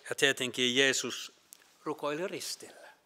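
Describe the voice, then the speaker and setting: Earnest male preacher with a bright voice. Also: mid-range voice, slight background noise. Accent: Finland Swedish. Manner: earnest, rises to emphatic peaks and drops to hushed quiet; halting restarts with Finnish filler sounds. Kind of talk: sermon.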